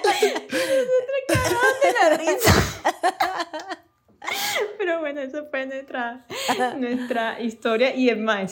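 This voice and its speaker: A woman's voice: mid-range voice, darkish tone. A woman with a Barranquilla coastal Colombian accent, chatting on a podcast and acting out the voices of people in her stories. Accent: Colombian Caribbean coast (Barranquilla). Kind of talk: casual podcast chat, storytelling.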